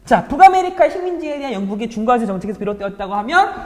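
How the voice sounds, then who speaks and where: A woman's voice: a little high, sing-song, racing, roomy sound, big-room sound. A woman teacher walking students through exam problems in a chatty lecture, often checking in with rhetorical questions. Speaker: high school history teacher.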